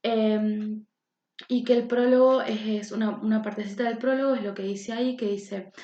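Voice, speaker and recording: A young university student presents a class lesson from a room at home, hesitating often and using many fillers. Her voice is on the high side with a dark tone, fairly even intonation and a moderate pace, recorded in echoey, dull lo-fi sound.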